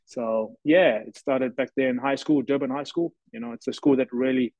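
A man's voice: mid-range voice, expressive, moderate pace, vocal fry, a little mellow, no room sound. A man, telling his story earnestly and reflectively as a podcast guest. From South Africa. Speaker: guest, professional rugby player. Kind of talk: podcast interview. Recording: dry, slightly dull lo-fi audio.

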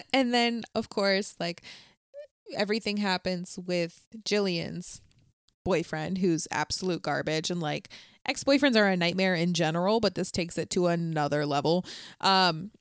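A woman's voice: lowish voice, unhurried, clean tone, dry recording. Chatty woman, dry close sound. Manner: chatty, laughs often, acts out quotes. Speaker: podcast co-host. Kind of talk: casual chat.

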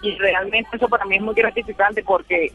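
A Venezuelan man calling a radio show, speaking haltingly with many fillers. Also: high voice, fairly even intonation, breathy edge. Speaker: caller. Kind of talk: radio call-in chat. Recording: dull phone-line call.

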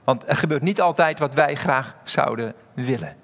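A man's voice: mid-range voice, normal speed, a bit bright, long reverb tail. A man preaching a sermon, emphatic, with sudden rises and drops in his voice, addressing the congregation directly. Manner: addresses the congregation directly, asks rhetorical questions. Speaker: pastor.

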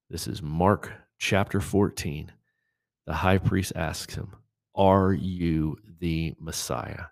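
A man hosting a podcast who teaches from scripture in an emphatic, preaching style and reads verses slowly and deliberately. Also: deep voice, creaky, dry recording, studio quality. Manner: emphatic, quoting scripture in a slow measured voice.

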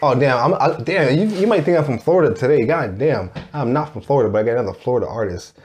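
A man's voice: medium pitch, expressive, quick pace, darkish tone. A man co-hosting a podcast, laid-back, joking and profane in casual chat. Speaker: podcast co-host.

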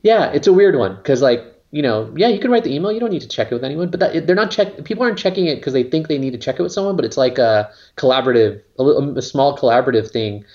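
A man's voice: medium pitch, lively intonation, fast, hardly any pauses, darkish tone, muffled recording. A man, a company co-founder, talking casually in an interview, rambling with lots of fillers and some casual swearing.

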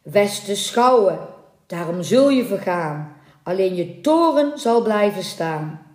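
A woman's voice: animated, slow, a little mellow. A woman voicing a grieving old merman. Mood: cursing. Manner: pleading, then booming curses. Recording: roomy echoing room.

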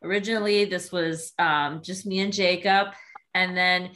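A woman with a cold hosts a casual podcast with friends. She rambles, laughs a lot and has a bright, clear tone. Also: lowish voice, fairly even intonation, moderate pace. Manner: giggly, rambling. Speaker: podcast host.

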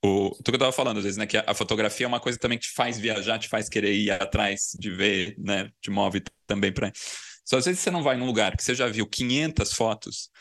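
A man co-hosting a podcast, talking in a relaxed, easygoing way over a remote call from home. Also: fairly low pitch, fast. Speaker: podcast co-host. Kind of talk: casual chat.

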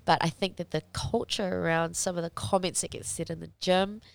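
A young woman talks through a candid interview in a fairly low voice with noticeable vocal fry. She speaks haltingly, reflecting as she goes and often pausing to find the right words. The sound is close and dry. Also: fairly even intonation, no room sound. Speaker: interview guest, fighter.

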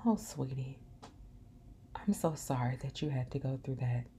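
A woman's voice: rumbling low, a little slow, warm tone, a little hiss or hum. A woman reading the lines of a remorseful middle-aged pastor's wife in a storybook. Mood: apologetic.

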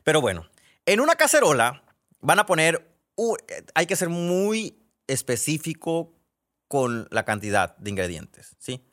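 A man's voice: a little high, big pitch swings, measured pace, fairly bright tone. A man with a Mexican accent hosting a podcast, telling stories in a chatty, digressive way and often correcting himself mid-sentence. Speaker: podcast host. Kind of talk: casual storytelling monologue.

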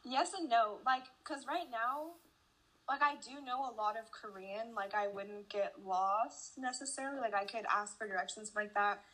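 A young woman with a bright, slightly high voice chats with friends. She thinks aloud, speeding up in quick bursts. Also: rough recording. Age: young adult. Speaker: co-host. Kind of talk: casual chat.

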